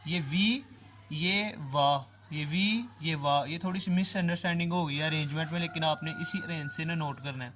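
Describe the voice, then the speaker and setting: A man's voice: on the high side, a bit bright, a little hiss or hum. A man teaching a language class, patiently drawing out and repeating each sound and checking that the listener follows. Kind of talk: online language lesson.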